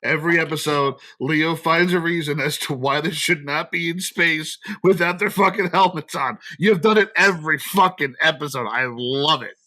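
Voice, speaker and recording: Male co-host, bright, forceful tone, slightly high voice, jokey casual chat. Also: moderate pace, few pauses. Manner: joking, laughs easily. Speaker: podcast co-host.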